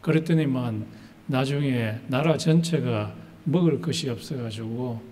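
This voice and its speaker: A male pastor preaching a sermon slowly and deliberately, pausing often with "uh" fillers. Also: medium pitch, mellow. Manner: slow, deliberate preaching with many pauses and "uh" fillers. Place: church sanctuary. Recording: church hall reverb, faint noise.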